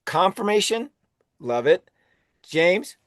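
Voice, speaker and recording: A man's voice: high voice, very animated, slow pace, no room sound, clean studio sound. A man hosting a motivational team call, enthusiastic and often laughing, restarting his words as he goes. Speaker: host of a weekly team call.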